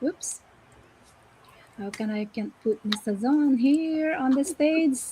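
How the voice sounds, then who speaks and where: A woman hosting an online panel, introducing guests and reading out questions with frequent pauses and fillers. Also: high-pitched, warm tone, a little hiss or hum. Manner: hesitant, many fillers. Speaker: host.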